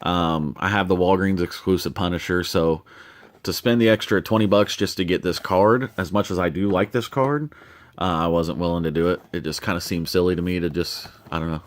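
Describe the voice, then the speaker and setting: Casual vlogger, man, lowish voice, loose and rambling, filler-heavy, filmed at home. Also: fairly quick. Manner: relaxed, rambling with many fillers. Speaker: toy collector vlogger. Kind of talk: casual show-and-tell vlog. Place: home collection room.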